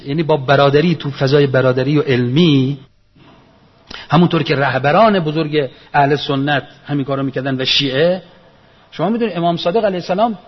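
A man with a husky, somewhat high voice gives a religious lecture. He reasons aloud earnestly and circles back to repeat his main points. The dull, lo-fi recording carries a long echo from a large hall. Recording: echoey hall, dull lo-fi sound.

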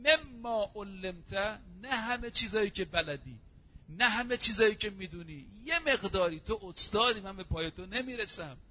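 High-voiced preacher, dull recording. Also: male voice, expressive. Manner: recites Arabic verses slowly, then explains in everyday speech. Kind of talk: sermon. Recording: dull lo-fi recording with faint hum.

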